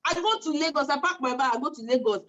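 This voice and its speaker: A woman's voice: high-pitched, expressive, fast talker, fairly bright tone, highs cut off. A woman with a Nigerian accent giving informal business advice, emphatic and repeating phrases for stress.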